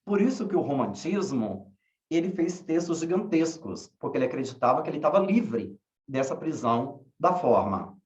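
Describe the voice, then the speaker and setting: A man teaching a class, asking questions slowly and repeating key words. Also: fairly high pitch, big pitch swings, darkish tone. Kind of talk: online class lecture. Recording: echoey room, dull lo-fi sound.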